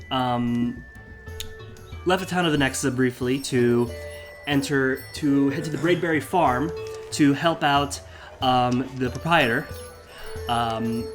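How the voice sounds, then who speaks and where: A man with a middling pitch narrates a tabletop game as its dungeon master. He speaks casually in halting, improvised phrases, with music clearly behind him.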